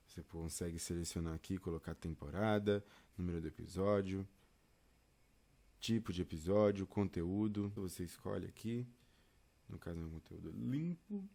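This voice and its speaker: A man with a Brazilian accent and a lowish, darkish voice teaches an informal, step-by-step video lesson on podcasting. He is chatty and encouraging, speaking directly to learners.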